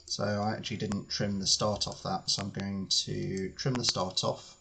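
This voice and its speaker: A man streaming live as he edits his video, thinking aloud with fillers and restarts, his voice slightly hoarse. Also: fairly low pitch, level tone, normal speed, background noise. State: slightly hoarse, clearing throat. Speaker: channel host editing video. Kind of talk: casual live-stream commentary.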